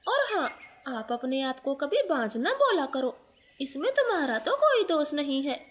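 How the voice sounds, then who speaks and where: A woman's voice: high voice, sing-song, normal speed. Lady voicing a poor humble crow maid, polite, cartoon story. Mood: earnest. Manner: humble, deferential.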